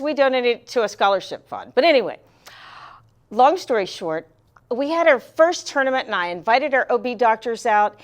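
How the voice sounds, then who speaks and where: A middle-aged woman vlogging to her viewers, telling personal stories in an earnest, heartfelt, chatty way with many restarts. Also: a little high. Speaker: vlog host.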